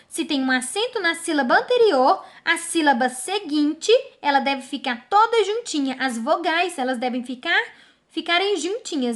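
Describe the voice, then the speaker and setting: A woman teacher giving a lesson, spelling out examples slowly and pointing at each one. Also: high-pitched, a bit bright. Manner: slow, drawn-out word by word, pointing at examples. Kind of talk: classroom lesson on syllable division.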